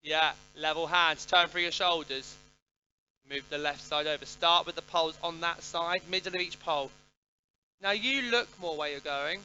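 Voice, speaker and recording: A man coaching riders live, calling out brisk, projected short commands and corrections. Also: a little high, sharp tone, lo-fi sound, faint music behind. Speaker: riding coach giving a jumping and pole clinic. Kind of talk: live riding instruction to pupils.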